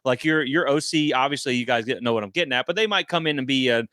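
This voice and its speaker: A man co-hosting a casual sports talk show, chatty and quick to tell a story. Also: mid-range voice, pushed and bright, no room sound. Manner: chatty, storytelling, frequent agreeing. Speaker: podcast co-host.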